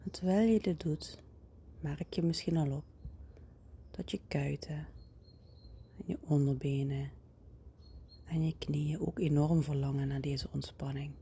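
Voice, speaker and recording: A woman guides a relaxation exercise in a hushed whisper, as if right in your ear. Her voice is low and dark, with slow, calming phrasing. A faint noisy ambience sits behind her. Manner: slow, soothing instructions with pauses. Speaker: guided meditation leader.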